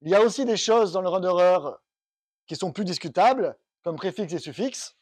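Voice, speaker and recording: A man's voice: sits high, lively intonation, moderate pace, a little mellow, husky, no room sound. A man giving a technical conference talk, explaining step by step and thinking aloud with restarts. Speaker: conference speaker. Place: conference room.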